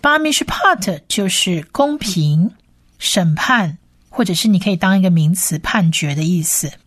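A woman's voice: lowish voice, animated, dry recording. Patient woman teaching Hebrew sounds, dry recording. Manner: patient, repeats each sound slowly and clearly. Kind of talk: recorded language lesson.

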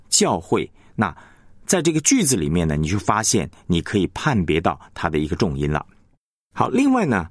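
Man, radio announcing teacher, low voice, lively intonation, dry close sound, patient and repetitive, stresses example words. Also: dry recording. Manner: explains patiently, repeats points, reads example sentences slowly with stress. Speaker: broadcasting instructor. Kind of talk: radio lesson on announcing technique.

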